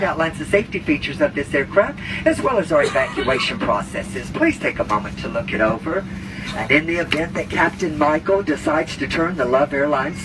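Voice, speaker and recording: High-voiced man, playful noisy cabin announcement. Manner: playful, theatrical, campy patter. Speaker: flight attendant giving safety announcement. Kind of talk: comedic in-flight safety announcement. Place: inside airplane cabin, over announcement system. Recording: noisy aircraft cabin PA, distant from mic. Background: aircraft cabin noise.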